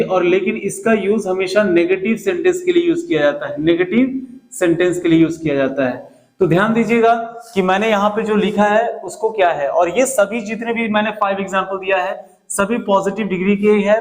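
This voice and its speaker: A man's voice: high voice, low-quality recording. A man teaching an English grammar lesson with a Hindi accent, who repeats key words and quizzes his students as he goes.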